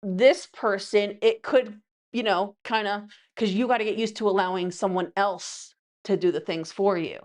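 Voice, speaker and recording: A woman's voice: mid-range voice, steady tone, moderate pace. A woman gives a casual tarot reading in a loose, chatty way. She rambles through her asides and leans on fillers like "you know" and "right.". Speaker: tarot reader.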